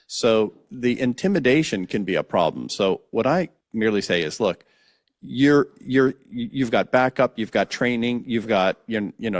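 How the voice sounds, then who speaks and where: A man's voice: on the low side, no room sound, studio quality. A man explaining de-escalation as a podcast guest, earnestly acting out example dialogues. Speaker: guest, de-escalation trainer for law enforcement. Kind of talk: conversational podcast interview.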